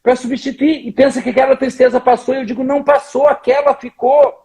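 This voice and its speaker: High husky guy, emphatic storyteller in an interview. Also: little pitch movement, fairly quick, darkish tone. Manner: emphatic, tells stories, often addresses the other speaker by name. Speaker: interviewee speaking on emotions. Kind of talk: animated conversational explanation.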